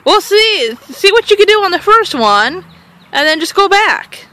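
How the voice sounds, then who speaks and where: A woman's voice: extremely high pitch, big pitch swings, unhurried, pushed and bright. A woman vlogging outdoors at a playground, chatting behind the camera and laughing often in amused exasperation. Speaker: vlogger filming her child at a park. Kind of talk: casual chat behind the camera.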